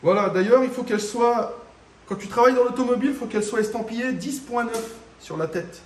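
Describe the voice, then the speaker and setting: A man's voice: very high voice, fairly quick, echoey room. A man doing a casual workshop vlog about a car repair, speaking straight to the viewer in slangy, casual speech and swearing when things go wrong. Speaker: home mechanic showing a car repair. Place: garage workshop.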